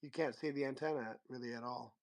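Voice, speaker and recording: A man hosting a casual livestream chat, relaxed and rambling, often trailing off and restarting his sentences. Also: mid-range voice, quick pace. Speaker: show host.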